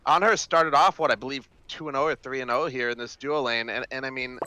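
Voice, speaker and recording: A man's voice: mid-range voice, fairly quick, sharp tone, dry recording. A man doing casual esports play-by-play commentary, rambling with fillers and restarts. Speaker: esports caster. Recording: music bed behind voice. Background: game music.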